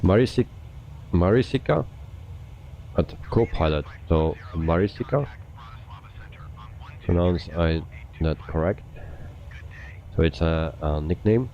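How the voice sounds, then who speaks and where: A man hosting a flight simulator live stream, chatting casually with viewers and often pausing with hesitations. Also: very deep voice, dull audio, slight background noise. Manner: relaxed, chatty, frequent hesitations. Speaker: flight sim livestreamer.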